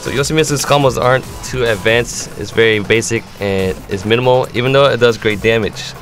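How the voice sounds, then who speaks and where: A man with a medium-pitched, slightly bright voice speaks briskly, walking through fighting game moves step by step like a competitive gamer. Music plays behind him.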